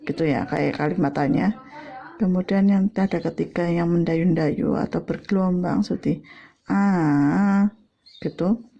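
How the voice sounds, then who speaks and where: A woman teaching a Mandarin lesson, explaining and slowly drawing out example sounds. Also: fairly low pitch, steady tone, gravelly, mellow. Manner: slow, deliberate, drawn-out demonstrations. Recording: dull lo-fi recording.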